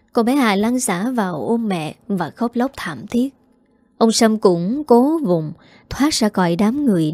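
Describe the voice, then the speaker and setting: A woman narrating a dramatic story with a steady, scripted reading. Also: mid-range voice, no room sound.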